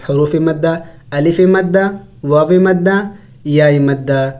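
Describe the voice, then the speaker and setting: A man with a Pakistani Urdu accent teaching Quran recitation with tajweed. He spells out letters and stretches syllables slowly, then explains the rules at a brisk clip. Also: on the high side, dark tone.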